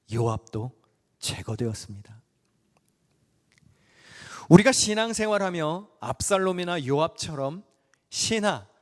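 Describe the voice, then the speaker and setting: A male pastor preaching a sermon in a church sanctuary. He stresses some phrases loudly and drops others to a hush. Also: on the high side. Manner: emphatic, swinging between loud stresses and hushed asides. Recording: long church reverb with soft music behind.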